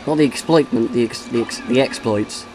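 A man's voice: mid-range voice, normal speed, music in the background. A man giving casual let's-play commentary as he plays, rambling and joking and breaking into bits of song. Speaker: game commentator. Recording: noisy home recording.

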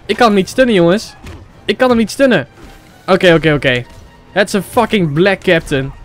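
A young Dutch man giving excitable let's-play commentary, swearing and shouting at the game. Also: high-pitched, a little fast. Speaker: gaming YouTuber. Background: game music.

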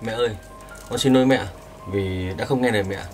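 A man voicing a gentle older brother who comforts his sister and apologizes. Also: on the low side, a little fast, distant mic, soft background music, close to an everyday voice. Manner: soothing, apologetic.

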